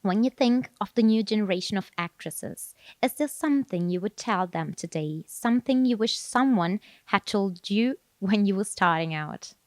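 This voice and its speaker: A woman interviewer asking a measured question. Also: mid-range voice, expressive, dry recording.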